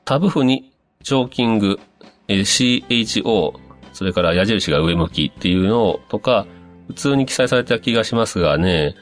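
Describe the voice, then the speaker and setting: A man hosting a casual talk show, reading listener messages aloud and musing on them in a relaxed, chatty way with plenty of fillers. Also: fairly low pitch, moderate pace, soft background music. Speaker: podcast host.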